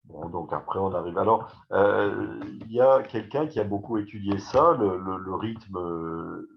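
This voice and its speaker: A man's voice: lowish voice, a little slow, gravelly, muffled recording, a little hiss or hum. A man, a neurologist, giving an informal webinar talk, chatty and full of restarts, speaking straight to his listeners. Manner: conversational, many fillers and restarts, addresses listeners directly. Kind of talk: informal lecture.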